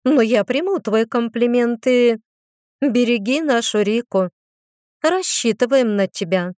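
Woman doing a playful mom, teasing, flirtatious, drawn-out, high and bright. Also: no echo, clean studio sound, natural voice.

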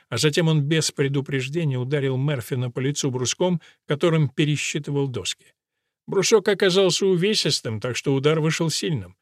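A man with a mid-range voice narrates a scripted audiobook in a steady, even storytelling manner. The studio sound is clean, with no echo.

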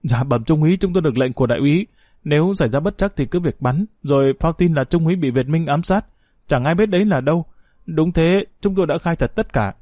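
Man putting on a cowering henchman, pleading, pitched up, dry sound. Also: expressive, fast talker, dark tone, no room sound. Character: frightened male henchman spy, groveling.

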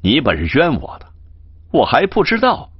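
A man's voice: fairly high pitch, huge pitch swings, moderate pace, slightly rough, dry recording, dull audio, pitched above the performer's own voice, heavily acted. A man voicing a playful, spoiled young rich master who banters and scolds in jest. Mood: bantering.

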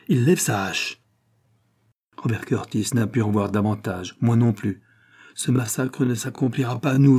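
A man's voice: fairly low pitch, warm tone. A man narrating a novel in the first person, in a tense, dramatic audiobook reading.

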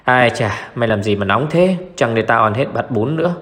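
A man's voice: medium pitch, animated, normal speed, fairly bright tone, natural voice. A man doing a glib, grinning young swindler. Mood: glib joking. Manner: breezy, glib, joking.

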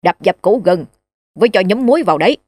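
A woman's voice: mid-range voice, expressive, fast, darkish tone, breathy edge, dry recording. A woman voicing a bossy old male village sorcerer who barks orders and scolds. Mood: gruff commanding.

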